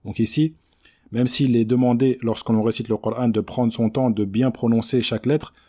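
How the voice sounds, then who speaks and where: Male teacher, French accent, patient and methodical, warm mellow voice. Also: medium pitch, steady tone. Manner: patient, repeats and models each word slowly. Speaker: Quran recitation teacher. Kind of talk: explanatory lesson on recitation.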